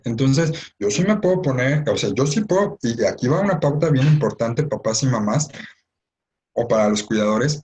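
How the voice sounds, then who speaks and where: A man's voice: medium pitch, a little mellow. A man with a Mexican accent giving an informal talk to parents, conversational and often checking in with his listeners.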